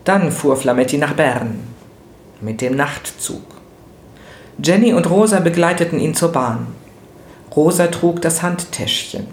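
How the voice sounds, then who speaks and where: A man reading literary prose aloud in a measured, expressive way. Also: on the high side. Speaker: reader. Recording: roomy with faint noise.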